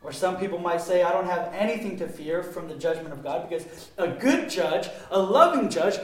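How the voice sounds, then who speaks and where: A man preaching a sermon with passion, his voice swinging between loud emphatic stretches and quieter ones. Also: on the high side, slight background noise. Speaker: pastor. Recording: very echoey room.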